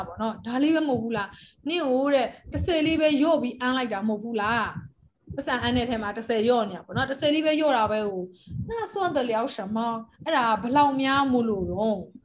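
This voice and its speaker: A woman's voice: a little high, a little hiss or hum, rough recording. A woman teaching a Chinese class, explaining phrases and calling on students to read. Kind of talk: classroom instruction.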